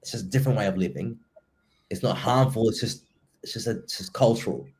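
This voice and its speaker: A man from Somalia, hosting a casual podcast interview and speaking haltingly, with many restarts and repeated words. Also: lowish voice, darkish tone. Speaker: podcast host, writer and poet.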